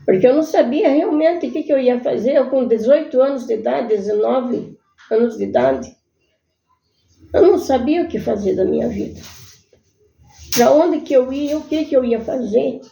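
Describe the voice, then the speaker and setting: A woman telling her own life story in a halting, earnest way. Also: high-pitched, gravelly, mellow. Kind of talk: personal storytelling. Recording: echoey room, muffled sound.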